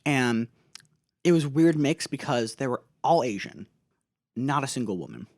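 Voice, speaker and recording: Male comedy co-host, deadpan sarcasm, animated pitch. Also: moderate pace, no room sound, clean studio sound. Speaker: podcast co-host. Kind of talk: casual comedic chat.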